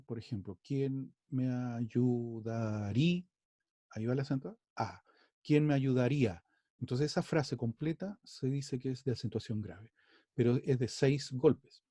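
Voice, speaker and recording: Slow, halting male music teacher. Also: mid-range voice, dark tone, slightly rough, dry recording, clean studio sound. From Chile. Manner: slow and halting, repeats words, spoken examples. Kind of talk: online class lecture.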